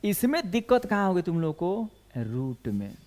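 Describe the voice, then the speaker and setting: A man's voice: high voice, big pitch swings, moderate pace, darkish tone. A man teaching a math class, working through equations step by step and putting questions to his students. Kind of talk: classroom lecture.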